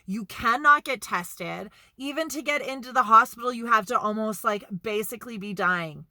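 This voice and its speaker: A woman's voice: on the high side, normal speed, bright, forceful tone, no room sound, studio quality. A woman from Canada talking in a casual vlog monologue, blunt and emphatic, swearing freely and repeating words for emphasis. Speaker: vlogger.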